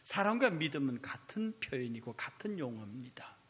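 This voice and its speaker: Lively, bright-voiced Korean pastor preaching. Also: male voice, medium pitch, moderate pace. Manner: animated storytelling, acting out dialogue. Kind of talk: sermon. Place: church sanctuary.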